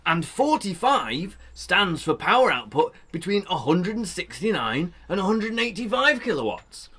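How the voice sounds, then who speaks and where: A man co-hosting a laid-back car news chat, joking between facts and reading out dry press text. His voice is bright and sits a little high. His pitch swings widely as he talks. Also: big pitch swings, normal speed, breathy edge. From United Kingdom. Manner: chatty, joking, reads press release aloud. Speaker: podcast co-host. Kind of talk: casual chat. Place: shed.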